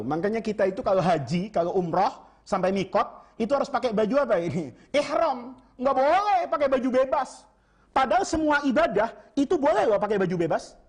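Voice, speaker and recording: A man's voice: high voice, breathy edge. A young Indonesian man preaching at a live study gathering, telling stories with humor and reciting Arabic phrases. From Madura, Indonesia. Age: young adult. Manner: animated storytelling with humor, Arabic recitation and voiced quotes. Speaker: Islamic preacher teaching a classical text. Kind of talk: lively religious study talk.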